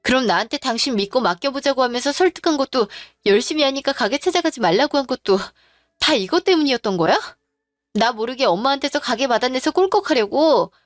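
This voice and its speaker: A woman's voice: high-pitched, lively intonation, brisk, no echo, studio quality. A woman voicing an angry wife who firmly confronts her husband and in-laws in a dramatized story. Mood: outraged. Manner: firm, demanding, accusing.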